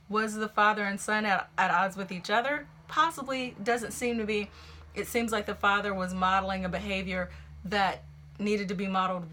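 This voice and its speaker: A young adult woman giving a casual, conversational poetry lecture, animated and quick to restart her phrases as she explains. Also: mid-range voice. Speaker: poetry teacher.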